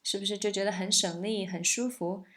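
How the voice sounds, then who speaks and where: A woman teaching the pronunciation of a pop song, patiently explaining linked sounds and laughing softly now and then. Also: medium pitch, steady tone, brisk. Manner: explains patiently, sings lines then breaks them down. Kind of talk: song lesson, explaining and singing examples.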